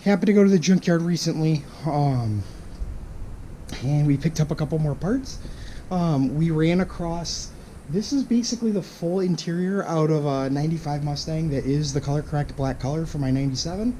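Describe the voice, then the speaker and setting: A man with a hoarse voice that is partly lost, talking casually to camera in a rambling, apologetic way about a car project. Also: on the high side, moderate pace, dark tone. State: hoarse, losing his voice. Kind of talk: casual vlog talk to camera. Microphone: camera-mounted microphone. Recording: noisy ambient camera microphone recording.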